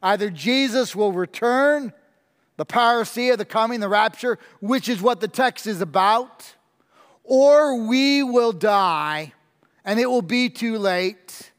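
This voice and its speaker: A man with a high voice delivers a sermon at an unhurried, deliberate pace. He tells a story earnestly and presses his points home through repetition, while his words ring out with the long reverb of a church hall. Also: a bit bright. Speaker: pastor.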